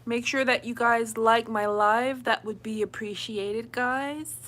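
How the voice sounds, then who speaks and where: A woman's voice: on the high side, fairly even intonation, measured pace, fairly bright tone. Chatty woman hosting a live chat. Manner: chatty, laughs often, reads and answers comments. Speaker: livestream host. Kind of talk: casual live chat with viewers.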